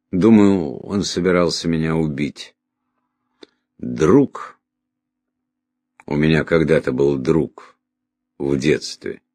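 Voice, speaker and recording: A man's voice: low-pitched, a little mellow, no room sound, voice pushed up, full character voice. A man voicing a deranged, dying young man who rambles in a raised, agitated voice. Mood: fading. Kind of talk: audiobook character voice.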